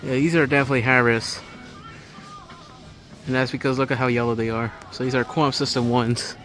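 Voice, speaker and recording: This amateur video maker speaks fairly quickly in a medium-pitched, fairly bright voice with little pitch movement. He rambles spontaneously as he tours a large hardware store, eager like a hobbyist filming, while store music plays in the background.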